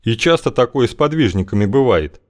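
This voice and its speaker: A man's voice: mid-range voice, lively intonation, fairly quick, pitched above the performer's own voice, close to an everyday voice. A man reading an audiobook, voicing a guarded, evasive wanderer with a dry, wry way of talking.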